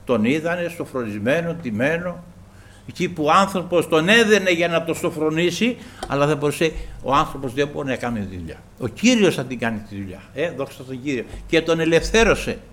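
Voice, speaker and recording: A man preaching a sermon to his congregation, halting often with filler sounds and repeating praise to the Lord. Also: on the high side, expressive, a bit bright.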